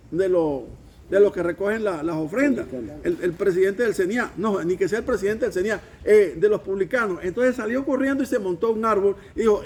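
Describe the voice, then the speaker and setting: A man preaching a sermon in a church, with a high, gravelly voice. He preaches with emphasis and has the congregation repeat his words back to him. Faint noise sits behind the recording. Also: darkish tone. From Venezuela. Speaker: pastor.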